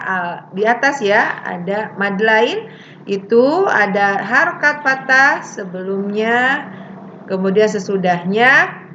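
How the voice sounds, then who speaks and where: A woman teaching Quran recitation rules, explaining plainly and chanting the verses slowly. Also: mid-range voice, sharp tone. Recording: dull lo-fi recording with faint hiss.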